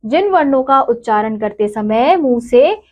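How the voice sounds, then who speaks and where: A woman teacher giving a grammar lesson to children, slowly spelling out each syllable and example word. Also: a little high, lively intonation. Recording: dull lo-fi recording.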